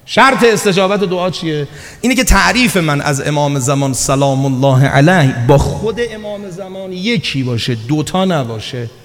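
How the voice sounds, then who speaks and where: A man preaching a sermon, his voice sitting on the higher side for a man. He tells stories and acts out the dialogue in them, swinging between loud urging and hushed, low asides. His voice rings out with a long tail of hall reverb. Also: lively intonation. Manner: storytelling, acting out quoted dialogue.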